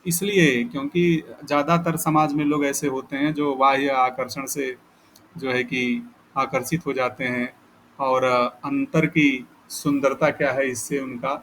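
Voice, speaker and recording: A man's voice: medium pitch, little pitch movement, unhurried, fairly bright tone, slight background noise, poor audio. A male teacher giving a lecture, explaining patiently and repeating key points with frequent check-ins. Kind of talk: classroom lecture.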